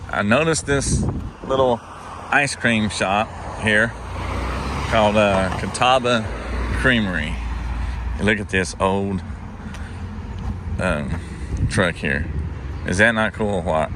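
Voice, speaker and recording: A man's voice: on the low side, slow pace, pauses often. A man chatting casually as a vlogger, pointing things out along a drive and at a pasture. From North Carolina. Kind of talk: casual vlog chat. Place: outdoors, on a drive and at a horse pasture. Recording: loud outdoor background noise.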